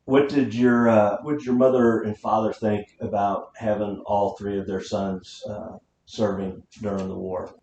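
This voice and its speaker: A man's voice: lowish voice, flat delivery, measured pace, few pauses, mellow. An American man interviewing someone, asking simple questions in turn. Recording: muffled, echoey room, faint noise.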